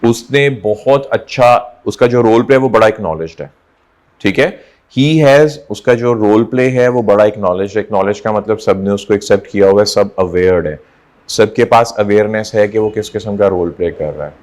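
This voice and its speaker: A male teacher lecturing on English vocabulary, explaining in Hindi and reading English examples slowly and deliberately. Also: on the low side, a little mellow. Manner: explains in Urdu-Hindi mixed with slow, drawn-out English examples. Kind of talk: recorded classroom lecture.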